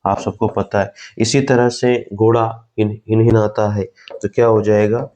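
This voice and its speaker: A man teaching a Hindi grammar class online, slowly dictating notes, repeating key words and answering his own questions. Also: on the low side, level tone, darkish tone. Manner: asks the class questions and answers them himself.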